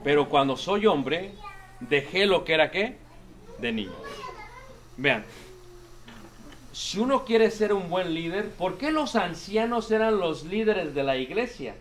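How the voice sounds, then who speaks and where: A man's voice: high-pitched, sing-song, unhurried, pauses often, a bit bright, a little hiss or hum. A man preaching a sermon, emphatic and repetitive, often calling the congregation "brothers". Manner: emphatic, repeats lines, addresses congregation as brothers.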